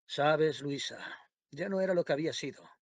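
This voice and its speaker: A man voicing a gentle, serene young woman with a low, musical voice in an audiobook. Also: moderate pace, no echo. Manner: soft, calm.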